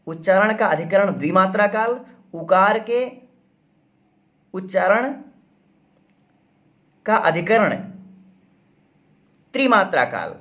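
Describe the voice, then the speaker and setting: A man teaching Sanskrit grammar, repeating each term slowly and asking and answering his own questions. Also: sits high, highs cut off. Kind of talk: explanatory grammar lesson.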